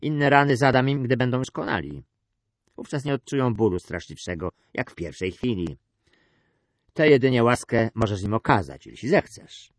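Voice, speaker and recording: A man's voice: medium pitch, expressive, normal speed, no room sound, studio quality, lightly acted. A man voicing a cold, ruthless royal kinsman, giving harsh commands in audiobook declamation. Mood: menacing. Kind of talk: audiobook character reading.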